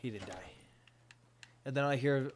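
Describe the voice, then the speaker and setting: A man hosting a gaming channel, chatting casually and swearing excitedly during play, his voice a bit hoarse from yelling. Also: medium pitch, normal speed, a little hiss or hum. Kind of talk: casual gameplay chat.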